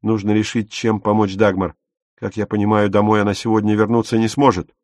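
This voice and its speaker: A man voicing a young man, a calm older brother who argues firmly and reasonably, in an audiobook. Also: fairly low pitch, a little fast, dry recording, clean studio sound, lightly acted. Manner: firm, reasoning.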